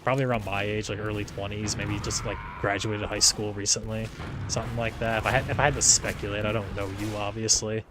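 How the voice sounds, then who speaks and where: Over game gunfire and explosions, a gaming YouTuber in his twenties chats casually while playing online, rambling with many "like"s, restarts, and frequent chuckles. His voice is fairly low, quick, and flat in pitch, with a noisy background.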